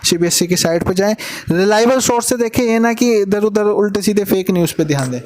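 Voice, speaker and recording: Male maths tutor, high-pitched, talks like a big brother, repeats himself for emphasis. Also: brisk, darkish tone, a little hiss or hum. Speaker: maths teacher. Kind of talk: casual classroom lesson and advice to students.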